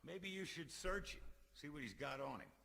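A man's voice: fairly high pitch, animated, normal speed, gravelly, bright, forceful tone, full character voice. A man playing a practical, frustrated survivor in a video game, plain-spoken. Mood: frustrated, urging.

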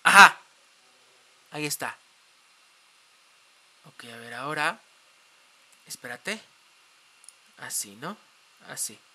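Playful young Mexican streamer, bright and dramatic, prone to shrieks. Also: male voice, medium pitch, animated, takes it slowly, long pauses, a little hiss or hum. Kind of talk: casual live stream chat.

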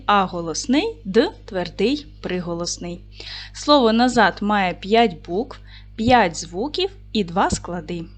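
A primary school teacher with a medium-pitched voice teaches a recorded video lesson to fourth graders. She speaks clearly and deliberately and recites short rhymes.

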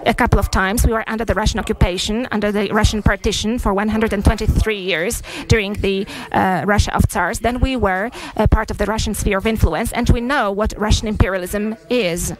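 A woman interpreting a press statement live into English, halting with frequent pauses and fillers. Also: mid-range voice, fairly even intonation, rough recording.

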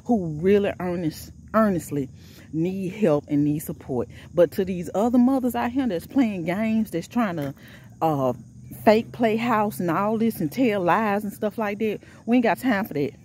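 A woman's voice: mid-range voice, measured pace, darkish tone, slight background noise. Breathless woman preaching while walking. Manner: exhorting, repetitive, rising into preaching. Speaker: vlogger.

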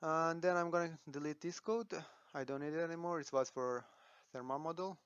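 A man walks through a software tutorial, pausing on fillers and restarting sentences as he thinks aloud. His voice is smooth and mid-pitched. It is recorded dry and a little dull. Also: dry recording.

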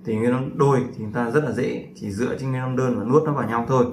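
A man's voice: mid-range voice, darkish tone. Guy from vietnam teaching english sounds, lots of uh fillers, echoey room, bit of hiss. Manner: hesitant, many drawn-out fillers and repetitions. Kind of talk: casual spoken lesson. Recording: echoey room with faint noise.

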